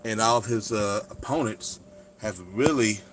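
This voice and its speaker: A man's voice: fairly low pitch, measured pace, a bit bright, faint music behind, rough recording. A man talking casually and emphatically in slangy speech, reacting to fights like a sports vlogger. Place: at his workplace. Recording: clear background ambient noise.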